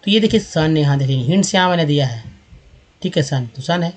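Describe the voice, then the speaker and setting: A man's voice: fairly high pitch, animated, fairly quick. A man teaching English reading from slides, patiently repeating and drilling each sound for viewers he calls friends. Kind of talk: slide-based lesson.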